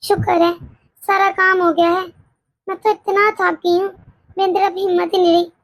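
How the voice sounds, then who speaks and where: A woman voicing a timid, exhausted pregnant young daughter-in-law in an animated story, speaking meekly with stammers. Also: very high-pitched, normal speed, dry recording. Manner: meek, hesitant, stammering.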